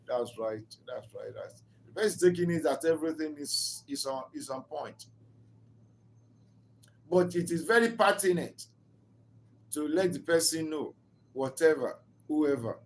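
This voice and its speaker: A man's voice: fairly high pitch, moderate pace, a little hiss or hum, poor audio. A man giving a motivational talk on relationships, earnest and instructive, repeating key phrases and asking rhetorical questions. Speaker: relationship speaker.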